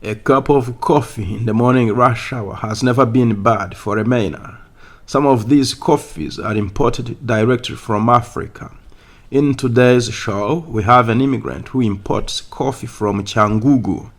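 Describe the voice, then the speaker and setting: A man reading a scripted segment introduction in a steady voice. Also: mid-range voice, unhurried. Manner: steady, read-aloud delivery. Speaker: narrator. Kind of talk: scripted narration.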